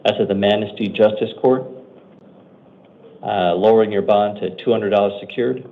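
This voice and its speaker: An American man with a slightly low voice presides as judge over a routine hearing. He delivers procedural courtroom announcements briskly and matter-of-factly. The audio is thin and muffled, like a phone line. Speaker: judge or commissioner at initial appearance hearings.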